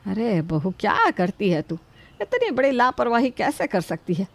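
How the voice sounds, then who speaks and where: A woman's voice: medium pitch, big pitch swings, moderate pace. Woman doing a doting cartoon mother-in-law. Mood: fond. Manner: gently scolding, coaxing. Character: older mother-in-law, protective and soft-hearted. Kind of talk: cartoon voice acting.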